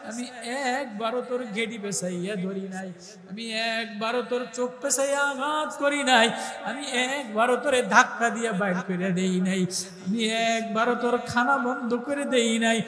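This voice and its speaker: A man's voice: very high-pitched, fairly even intonation, unhurried, fairly bright tone, soft background music. A man preaching a Bengali-style sermon with a Bangladeshi regional accent, repeating his lines in an impassioned, rising sing-song chant. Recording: echoey hall-like PA reverb.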